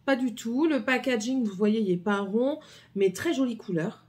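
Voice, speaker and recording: A woman's voice: a little high, normal speed, a little mellow. A middle-aged woman with a French accent, chatting casually through a haul video with many hesitations and repeats. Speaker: vlogger.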